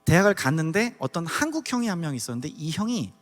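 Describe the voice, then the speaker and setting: A man from Daegu giving a testimony sermon at a church service, telling his story in an animated way and acting out the scenes. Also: on the high side, fast talker. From Daegu, South Korea. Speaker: guest preacher. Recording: long church hall reverb.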